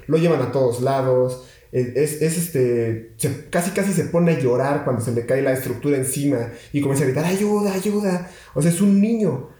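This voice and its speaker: A young man talks in a loose, rambling way, often stopping and restarting with fillers. His voice is mellow and dark, sitting at an ordinary pitch. The sound carries a roomy echo. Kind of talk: casual chat.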